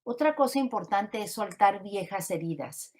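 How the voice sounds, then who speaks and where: A woman grief counselor giving a calm, reflective teaching talk on grief, often asking rhetorical questions. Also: medium pitch, moderate pace.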